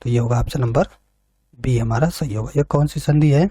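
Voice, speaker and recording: A man's voice: medium pitch, a little fast, dark tone, breathy edge, dry recording. A man teaching an exam preparation lesson, reading each question and its options, then explaining the answer step by step and repeating points back.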